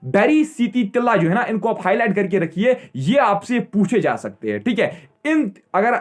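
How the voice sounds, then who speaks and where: High-voiced man teaching a geography class. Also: sing-song, normal speed. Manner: repetitive, checks in with "theek hai" constantly; quizzes students and answers himself. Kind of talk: exam-prep lecture.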